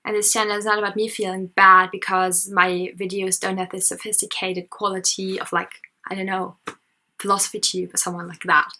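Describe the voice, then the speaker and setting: Brisk and sharp-toned, with a level, medium-pitched voice, a German-accented nineteen-year-old narrates a casual, unscripted vlog. The history and sociology student is filming at night in her parents' house, chatting self-consciously and using many fillers.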